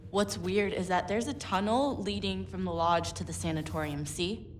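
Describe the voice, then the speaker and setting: An actress playing a sharp-tongued, impatient young woman in a video game who talks curtly. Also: fairly low pitch, moderate pace, a little hiss or hum, close to an everyday voice. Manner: curt, impatient.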